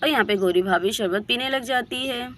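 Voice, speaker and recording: A woman tells a children's moral story in a fairly high voice. Her narration is friendly and plain, and it links the characters' scenes. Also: moderate pace, fairly bright tone. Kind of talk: scripted narration.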